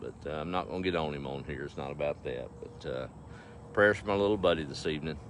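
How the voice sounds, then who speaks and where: This farm livestreamer speaks fast in a bass voice, his East Texas accent clear as he chats casually outside. The middle-aged man keeps things folksy and relaxed, addressing his animals and his audience alike while faint outdoor sounds drift in.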